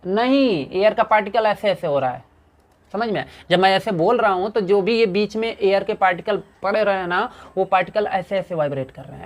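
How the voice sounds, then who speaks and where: A man with an Indian accent teaching physics in a revision lecture, asking questions and answering them himself and reading English definitions slowly. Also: high-pitched.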